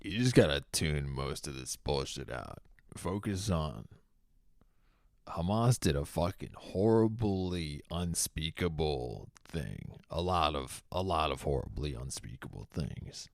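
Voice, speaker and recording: A man's voice: very deep voice, animated, takes it slowly, creaky, dry recording, studio quality. A young man from Boston with a Boston accent, hosting a comedy show in a profane, heated rant. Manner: profane, heated, shouting bursts. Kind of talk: stand-up style comedic rant.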